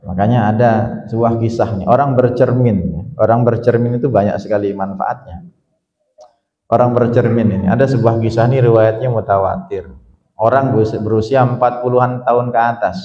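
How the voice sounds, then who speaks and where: A man giving an Islamic study sermon, telling a story with lively jumps in pitch and asides to the audience, on a handheld microphone in a large hall. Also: moderate pace. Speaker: preacher. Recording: echoey hall, dull lo-fi sound.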